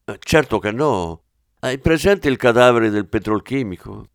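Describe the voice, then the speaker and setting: A blunt, brusque police commissioner, as a male narrator reads him, cutting in with lively swings of pitch. The voice sits close and dry, with no room around it. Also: unhurried, no room sound. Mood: bantering. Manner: brusque, swearing.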